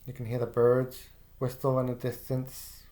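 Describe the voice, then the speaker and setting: This is a calm, soft-spoken man leading a slow guided visualization directed at "you." His pitch sits in the middle range, and he drops in casual fillers as he goes.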